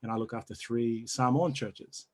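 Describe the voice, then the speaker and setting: A man's voice: mid-range voice, steady tone, moderate pace, darkish tone. Easygoing man pastor, casual chat. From New Zealand. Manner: easygoing, laughs often. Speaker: church pastor. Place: home, video call.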